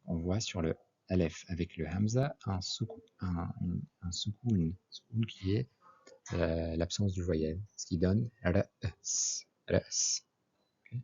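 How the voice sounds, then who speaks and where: This deep, warm, husky male voice belongs to a teacher working through Arabic in a slow, methodical lesson. He spells out letters and repeats every example word twice, then explains it. The sound quality is dull and lo-fi.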